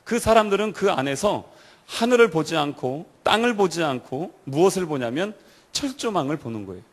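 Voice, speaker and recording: A man preaching to a church youth service, telling stories and asking the congregation direct questions. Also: high-pitched. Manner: storytelling, asks the audience direct questions. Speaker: pastor.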